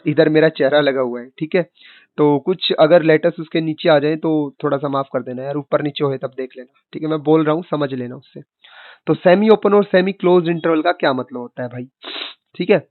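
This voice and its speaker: In a dry, tinny recording that sounds like a phone and has no room sound, a man with a high-leaning voice delivers a chatty online maths lecture. He refers to students as kid and boss, voicing their questions and then responding.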